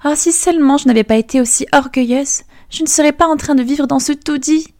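A woman voicing a spoiled young princess in a storybook reading, speaking high and exclaiming. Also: normal speed, a little mellow, no echo, studio quality, close to an everyday voice. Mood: wistful. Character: spoiled young princess, haughty then regretful.

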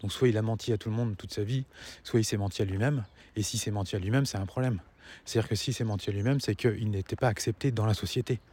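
Husky, low-voiced man rambling casually. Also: warm tone. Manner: rambling, halting, stammering and swallowing words. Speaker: vlogger. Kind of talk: casual opinion monologue addressed to viewers. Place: outdoors, walking, nearing a road.

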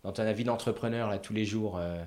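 A man's voice: fairly low pitch, steady tone, fast, a little mellow. A man hosting a business interview, asking questions hesitantly and searching for his words.

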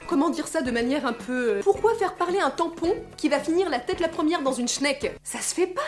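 A woman's voice: sits high, animated, a little fast. A woman hosting a comedy video, narrating in a sarcastic, crude and mock-enthusiastic way. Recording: roomy with music behind.

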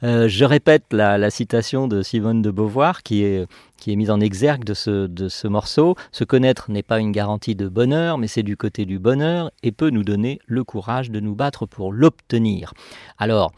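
A man's voice: fairly low pitch, normal speed, a little mellow, no echo, clean studio sound. A man hosting a conversational radio interview, phrasing his questions in a hesitant, rambling way.

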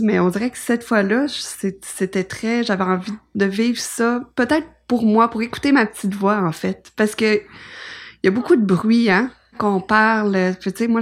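A woman in her thirties with a Québécois accent, telling her birth story in a rambling, casual way with many restarts and fillers. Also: medium pitch. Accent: Québécois French. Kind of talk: casual conversation. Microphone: podcast microphone.

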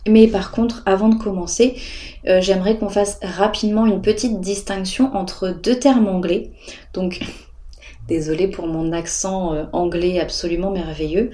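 A woman's voice: fairly low pitch, dark tone. A woman hosting a casual educational podcast from home, chatting informally to the listener with plenty of filler words. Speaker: podcast host. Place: at home, dog lying beside her.

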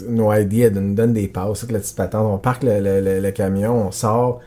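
A man with a Quebec French accent co-hosting a podcast, telling a story in casual, animated chat, with stammered restarts and English words mixed in. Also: fairly low pitch, brisk. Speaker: podcast co-host.

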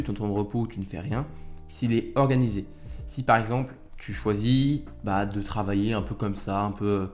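A young man with a fairly low voice hosts a casual advice podcast, speaking straight to the listener. He rambles loosely, filling pauses with ums and little verbal tics. Faint music plays quietly underneath. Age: young adult. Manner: chatty, addresses listener directly, with frequent fillers. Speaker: podcast host.

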